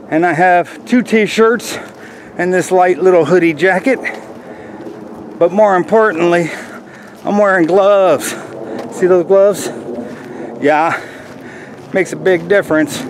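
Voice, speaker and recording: A middle-aged American man chatting casually to viewers in an unhurried way while walking outdoors, recorded on a built-in microphone with wind noise. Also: high-pitched. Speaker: hiking vlogger. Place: outdoors in a windy wooded park. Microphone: camera's built-in microphone while walking. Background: wind, faint outdoor noise.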